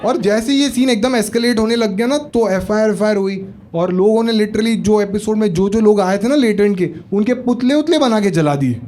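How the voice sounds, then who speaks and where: A stand-up comic from Maharashtra, India, speaks fairly quickly with few pauses in a high, darkish voice. He tells a story conversationally and works the crowd with questions from a comedy club stage, while the audience laughs.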